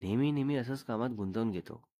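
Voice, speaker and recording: A man's voice: mid-range voice, brisk, dark tone, no echo, natural voice. A man voicing a caring but bossy young girlfriend, fussing and scolding in a storybook drama.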